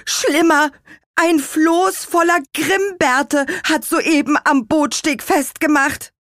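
A woman voicing an excitable little male apple creature who blurts out news. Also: sits high, slow, no echo, studio quality, pitched above the performer's own voice. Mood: alarmed. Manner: blurting, breathless alarm.

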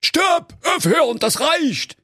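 Squawky comic wolf, gravelly and swooping, bossy and cranky, for a spoof fairy tale. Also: male voice, very high voice, very animated, takes it slowly, pushed and bright, dry recording, studio quality, pitched above the performer's own voice, heavily acted. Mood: impatient. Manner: squawking and bossy, snapping at his partner. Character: big bad male wolf, greedy, bossy and cranky.

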